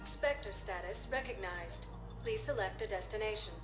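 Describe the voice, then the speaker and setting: Calm computer voice. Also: female voice, medium pitch. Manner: calm, measured announcements. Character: calm female transit computer voice. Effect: computer announcement voice. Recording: echoey game audio with music.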